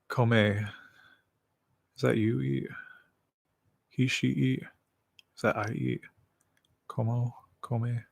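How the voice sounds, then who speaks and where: With vocal fry, a steady tone, and long pauses, this mid-range voice takes things slowly. He is a late-twenties livestream host with a slight lisp who eats while rambling and joking about himself in casual solo chat, recorded with no room sound.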